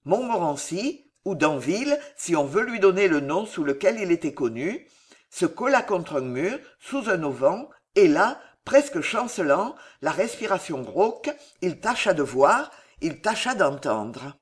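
A man reading a historical adventure novel aloud in a measured, theatrical way. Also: high voice, big pitch swings, husky. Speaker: audiobook reader.

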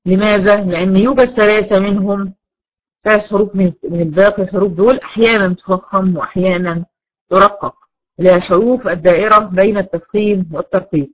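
A woman with an Egyptian accent leads a class of girls in recitation rules, talking at a brisk, rapid clip. She throws a question to the room and answers it herself before moving on. She circles back over every point several times. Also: mid-range voice, steady tone, rough recording. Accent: Egyptian Arabic. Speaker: Quran recitation teacher.

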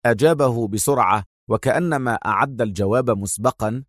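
A man narrating a crime thriller audiobook with steady, measured pacing. His mid-pitched voice is recorded dry and close, with no room sound. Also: no echo.

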